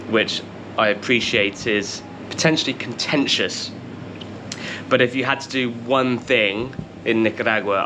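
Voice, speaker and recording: A man casually giving rambling travel tips in a wry, understated way, pronouncing his R's softly like W's. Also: medium pitch, background noise. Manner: can't pronounce R's, says them like W. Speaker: travel vlogger.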